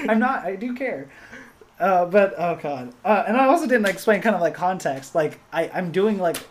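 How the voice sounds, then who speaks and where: A young man chatting casually, rambling with lots of fillers and animated storytelling. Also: high voice, moderate pace, a little hiss or hum. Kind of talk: casual chat.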